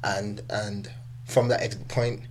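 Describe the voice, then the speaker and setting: Lowish-voiced London roadman-accented man. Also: flat delivery, a little slow, slight background noise. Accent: London, urban street. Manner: emphatic, repeats himself, often checks he is understood. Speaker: podcast guest. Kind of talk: casual conversational interview answers.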